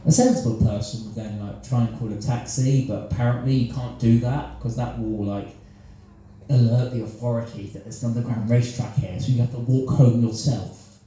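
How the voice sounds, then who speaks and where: Brief: Cornish male improviser, mellow dark voice, self-mocking, in a very echoey live room. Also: mid-range voice, moderate pace. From Cornwall. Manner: self-deprecating, chuckles at his own jokes. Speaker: improv comedian. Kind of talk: solo improvised stand-up storytelling. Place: small live comedy venue with audience.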